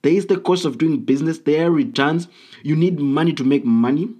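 A man's voice: on the high side, fairly quick, mellow. A man hosting a solo podcast, talking casually and bluntly with frequent ums and uhs. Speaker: podcast host.

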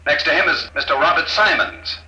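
Sharp, echoing, sinister gentleman villain, old radio. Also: fairly high pitch, fairly quick, slight background noise. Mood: smug, formal. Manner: formal, coolly mocking. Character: calm, polite, sinister male conspirator gloating over captive. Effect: intercom. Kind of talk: 1950s radio drama acting. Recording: echoey old radio broadcast disc.

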